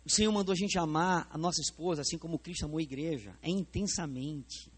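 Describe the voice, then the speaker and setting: In a church sanctuary, a pastor with a Brazilian Portuguese accent delivers a sermon in a fairly high, slightly rough voice, talking fast. Animated, he runs a live demonstration and questions the congregation directly.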